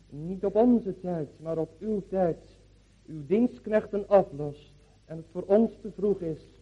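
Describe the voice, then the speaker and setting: Casting: male church minister, husky and slightly high-voiced, solemn liturgical delivery with deliberate rhetorical repetition, dull lo-fi service sound. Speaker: pastor leading a church service. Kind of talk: solemn liturgical reading and public prayer. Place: church during a morning service.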